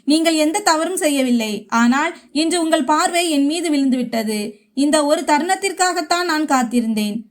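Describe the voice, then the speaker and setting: Storybook figure, young maidservant, voiced by a woman, soft, coaxing, high-pitched. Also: expressive, moderate pace. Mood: tender. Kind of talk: storybook reading.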